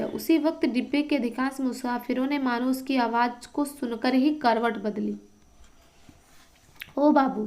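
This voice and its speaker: A woman's voice: high-pitched, a little mellow. A woman teaching Hindi literature who reads a story aloud and stops to explain it for exam students. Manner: reads a passage, then stops to quiz and explain.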